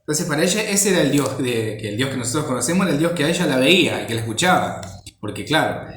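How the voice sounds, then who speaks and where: A man's voice: mid-range voice, animated, fast talker, a bit bright, reverberant, a little hiss or hum. Rambling man teaching the Bible. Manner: rambling, repeats words while searching for the next phrase.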